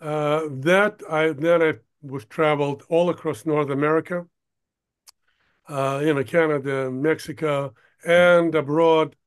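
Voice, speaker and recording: An older man from Ukraine, a producer, talking as an interview guest in a halting way, stopping often to search for words. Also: on the high side, fairly even intonation, clean tone. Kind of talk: casual interview talk.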